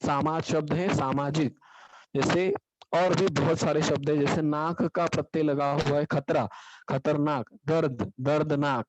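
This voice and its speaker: A man's voice: a little high, steady tone, measured pace, background noise. A male teacher giving an online grammar lesson, explaining step by step and asking and answering his own questions. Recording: dull lo-fi online class audio.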